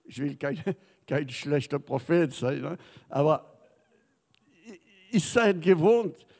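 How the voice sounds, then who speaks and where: Slow high-voiced preacher in a reverberant hall. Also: male voice, expressive, gravelly. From Madagascar. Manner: non-native German with small grammar slips, swings from soft to loud. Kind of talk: sermon. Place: church hall. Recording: long reverb of a church hall.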